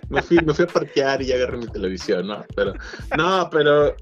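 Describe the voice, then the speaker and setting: A man's voice: mid-range voice, expressive, fast talker. Young chicano guy just shooting the breeze, cussing and slangy, bit muffled recording w music behind. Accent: Chicano Mexican-American Spanish. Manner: slangy, profane, mixes in English words. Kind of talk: casual chat, telling anecdotes. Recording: dull lo-fi sound, faint music behind.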